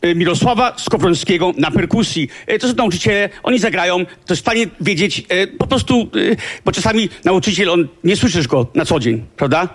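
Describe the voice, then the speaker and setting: A man speaking onstage at a concert in an informal, chatty way, with a slightly husky voice. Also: high-pitched, lively intonation, a little fast, hardly any pauses. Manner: informal, chatty, warm toward colleagues. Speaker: musician hosting a concert. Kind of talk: onstage concert talk to the audience. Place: concert stage before an audience.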